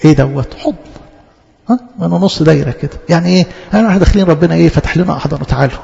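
A man with an Egyptian accent preaches in a chatty, direct way, speaking right to his listeners and repeating key words. His voice is high and gravelly. The recording sounds dull and lo-fi, with a long hall reverb behind him. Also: racing, darkish tone. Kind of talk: conversational sermon.

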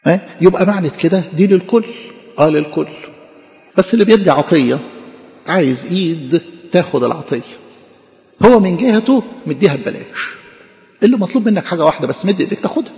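A man preaching with an Egyptian Arabic accent, his voice pitched high and his delivery quick. He keeps posing questions and answering them himself, like a lively chat with the congregation. The sound rings with a long hall reverb and is slightly dull. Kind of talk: sermon.

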